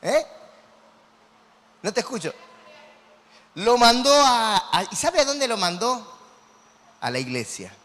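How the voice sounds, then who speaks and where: A man with an Argentine Spanish accent preaching a sermon as a pastor, animated and quizzing his congregation. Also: very high-pitched, takes it slowly, long pauses. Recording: long hall reverb.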